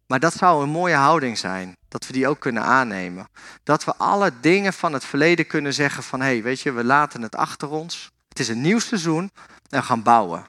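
Bright-voiced man preaching a sermon. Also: mid-range voice. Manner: storytelling, addresses the audience directly.

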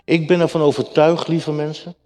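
A man's voice: fairly high pitch, steady tone, normal speed, dark tone. A man preaching a sermon to his congregation, emphatic and repetitive, speaking to them directly. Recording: echoey hall with long reverb.

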